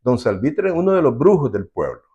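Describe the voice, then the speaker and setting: A man's voice: medium pitch, very animated, quick pace, breathy edge, muffled recording. A man preaching a sermon as pastor, earnestly, acting out the voices of the people in his stories.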